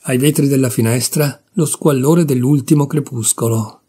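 A man reading a classic novella aloud in a measured, expressive narration. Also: medium pitch, slightly rough. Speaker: reader of literature.

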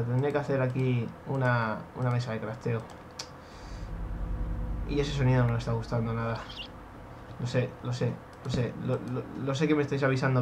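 A young man from Spain with a Spanish accent, giving excitable Minecraft let's play commentary, swearing and shouting when startled. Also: mid-range voice, background noise. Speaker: gaming youtuber.

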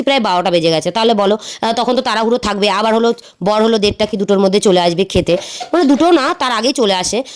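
A young woman vlogger doing a cooking voice-over, talking loudly and very fast in long single breaths. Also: on the high side.

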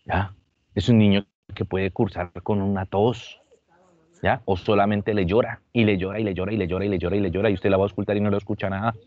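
A man's voice: fairly low pitch, steady tone, fast. A man teaching an online medical class, asking his students questions and repeating phrases for emphasis. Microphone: computer mic on a video call. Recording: dull, lo-fi video call audio.

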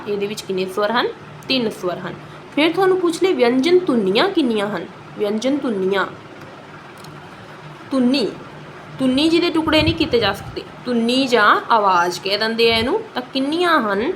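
A woman teaching a lesson. She asks questions and answers them herself, and she draws out her example words slowly. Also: fairly high pitch, a bit bright, a little hiss or hum, poor audio.

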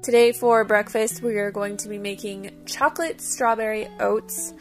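A woman's voice: mid-range voice, steady tone, moderate pace. A woman giving a chatty, upbeat voice-over for a cooking vlog, explaining each step in a casual way. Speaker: vlogger. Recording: music playing behind. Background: background music.

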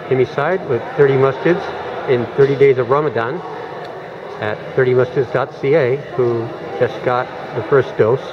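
A man's voice: medium pitch, normal speed, muffled recording. Man vlogging on a phone in a noisy hall. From Canada. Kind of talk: casual selfie vlog. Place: large indoor community gym, later outdoors. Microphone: phone camera at arm's length.

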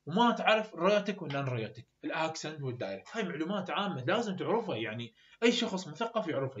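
A man's voice: on the high side, fairly bright tone. A man with an Iraqi Arabic accent tutoring university English students for an exam, urging them on and mixing in English terms. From Iraq. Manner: urgent, exhorting students, mixes English terms. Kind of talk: exam-review lecture. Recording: dull, lo-fi recording.

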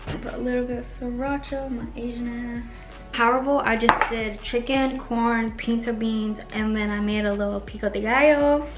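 A young woman from Washington State vlogs to a handheld camera, chatting casually and using "like" a lot, first in her kitchen and living room and later in a car. Her voice is a little high, steady in tone, at normal speed with few pauses, over background music.

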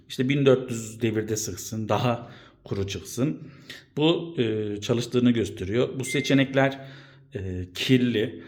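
Male home vlogger, medium pitch, casual halting explainer delivery, strong echo from an uncarpeted room. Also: a little mellow, a little hiss or hum. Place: indoors at home, room without carpets. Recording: echoey bare room at home.

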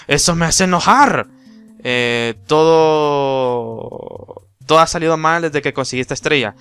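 A man's voice: on the high side, fairly bright tone, smooth, close to an everyday voice. A man voicing a grumpy, whiny giant caterpillar, reading the game's dialogue aloud dramatically. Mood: upset. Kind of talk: reading game text aloud.

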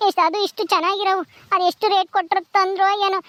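A woman's voice: very high voice, level tone, moderate pace, a bit bright, dry recording. A woman playing a humble young housemaid who pours out emotional thanks in a home comedy skit. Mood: grateful.

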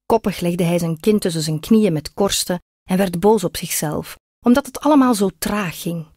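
A woman reading a first-person story aloud in a measured, reflective way. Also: lowish voice, darkish tone, no room sound, clean studio sound. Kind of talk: audiobook reading.

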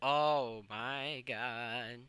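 A man's voice: mid-range voice, fairly even intonation, extremely slow, pushed and bright, smooth, no room sound. A young man giving casual, jumpy, slangy commentary while playing a horror game. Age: young adult. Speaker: gaming video host. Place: small room indoors.

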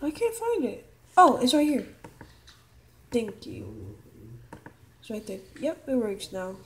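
A woman giving casual, rambling commentary over a gameplay video, excitable and full of quick exclamations. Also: fairly high pitch, a little hiss or hum.

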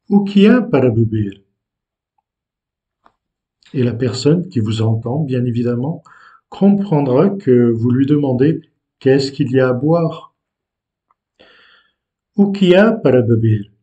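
A male language teacher explains words at an unhurried, deliberate pace. His voice is mellow and dark, and he pauses and hesitates between phrases. He keeps a patient, explanatory manner throughout. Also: medium pitch, expressive, dull audio. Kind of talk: explaining vocabulary to learners.

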